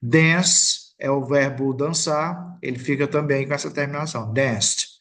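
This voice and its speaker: A man from Brazil narrates a slide lesson on English grammar in an even, mid-pitched voice. He speaks slowly and patiently, with a Brazilian Portuguese accent on the English examples, and checks in with the listener often. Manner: slow, patient explaining with frequent "tá bom?" check-ins. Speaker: English teacher. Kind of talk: recorded video lesson.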